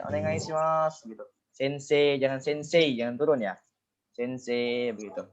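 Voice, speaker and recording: A man's voice: medium pitch, highs cut off. A man teaching a Japanese class online, explaining step by step and often correcting himself.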